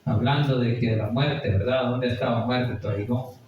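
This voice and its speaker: A man preaching a Bible study sermon, slowing and rising high as he reads scripture aloud. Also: steady tone, muffled recording. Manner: rises sharply when reading scripture aloud, slow emphatic phrasing. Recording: echoey room, far from the mic.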